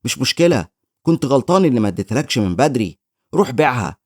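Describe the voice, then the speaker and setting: A man with an Egyptian Arabic accent voicing a gentle, bedridden young male former adventurer in a story recap. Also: medium pitch, big pitch swings, fast talker, dry recording, clean studio sound. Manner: gentle, apologetic.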